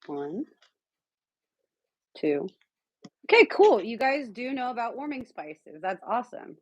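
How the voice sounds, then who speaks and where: A woman's voice: on the high side, big pitch swings, takes it slowly, dry recording, highs cut off. Chatty woman guest cook, dry sound. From San Diego, California. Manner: chatty, lots of fillers. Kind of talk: casual cooking chat.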